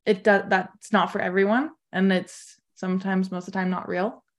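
A woman fitness coach giving relaxed, encouraging advice in a podcast chat. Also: medium pitch, moderate pace. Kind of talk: casual roundtable chat.

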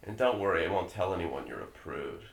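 A man doing a hushed, sleazy predator. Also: low-pitched, lively intonation, fairly quick, vocal fry, roomy sound. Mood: sleazy menace. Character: creepy predatory nineteen-year-old man.

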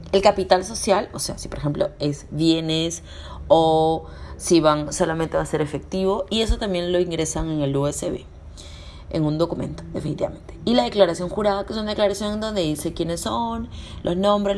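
Peruvian lady doing a chatty podcast while sick, kinda low hoarse throaty voice, some noise behind her. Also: darkish tone. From Peru. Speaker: podcast host. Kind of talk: casual informational podcast talk. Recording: clear background noise.

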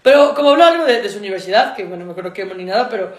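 A young woman, co-hosting a podcast in casual chat and telling stories quickly, often laughing. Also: medium pitch. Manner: fast, laughing, animated storytelling. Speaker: podcast co-host and stand-up comedian. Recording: roomy echo.

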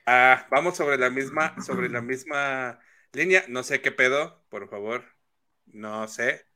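A man's voice: mid-range voice, takes it slowly, sharp tone. A man with a Mexican accent co-hosting a reaction podcast, joking in crude slang. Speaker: podcast co-host. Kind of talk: casual reaction chat.

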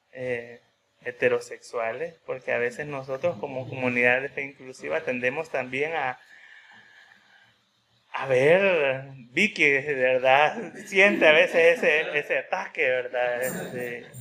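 A man's voice: a little high, fairly bright tone, a little hiss or hum. Conversational preacher man. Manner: conversational, often adds a questioning tag. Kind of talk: sermon with personal story.

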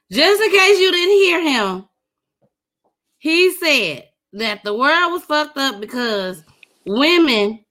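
A woman's voice: fairly high pitch, pushed and bright. A woman co-hosting a podcast in casual chat, blunt and emphatic, repeating points for her listeners. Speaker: podcast co-host.

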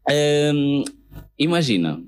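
A man with an Angolan Portuguese accent, hosting a podcast and asking casual interview questions in a relaxed, drawn-out way with hesitations. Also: a little high. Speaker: podcast host.

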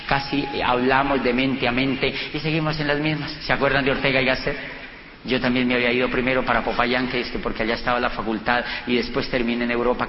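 Delivered in a Colombian Spanish accent, this middle-aged Colombian man's talk is built on personal anecdotes, with dialogue performed in a lively way and pitch leaping around. The sound is dull and echoey, recorded in a hall with faint noise.

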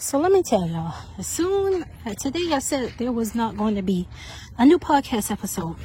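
A woman's voice: on the high side, very animated, normal speed, mellow, faint music behind. A woman podcast host, out of breath from walking outdoors on a track, giving casual, repetitive faith encouragement. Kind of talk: faith-based encouragement talk.

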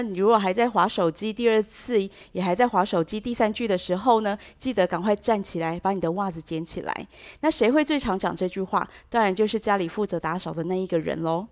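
A woman hosting a bilingual English lesson who explains patiently and drops English phrases into her talk. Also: medium pitch. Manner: acts out example sentences with shifting stress. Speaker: language teacher host.

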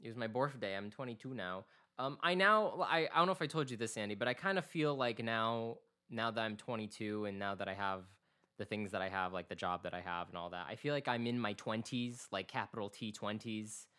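In a casual chat on the music podcast he co-hosts, a man in his twenties talks earnestly but rambles, restarting often. His voice is on the low side and sharp in tone, and he speaks fairly quickly.

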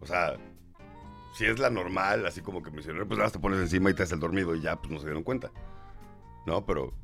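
A man's voice: sits low, fast, a bit bright, faint music behind. A Mexican man co-hosting a casual comic chat, joking, cursing freely and acting out little voices. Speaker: co-host.

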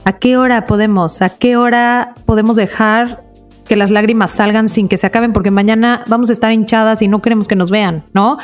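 A woman hosts a podcast interview in a gentle, reflective way. She asks open, caring questions. Faint music plays underneath. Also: a little high, steady tone, brisk. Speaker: podcast co-host. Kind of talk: interview chat.

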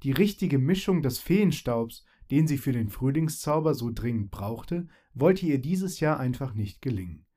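A man narrating a children's fairy story in a lively, expressive way. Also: medium pitch, a little slow, hardly any pauses.

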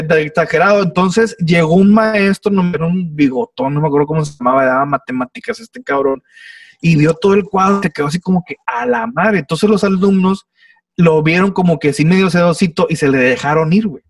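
A man's voice: high voice, expressive, a little fast, no room sound, recorded from a distance. A young man with a Mexican Spanish accent, a podcast guest telling a long story in casual, slang-heavy, swearing chat over a video call.

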